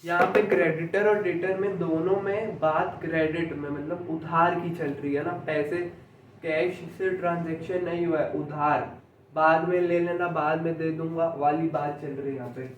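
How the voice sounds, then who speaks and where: A young man teaching commerce in a slow lecture style, repeating each point and checking that his students follow. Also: fairly high pitch, fairly even intonation. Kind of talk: classroom lecture. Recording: echoey room, mic far off, faint noise.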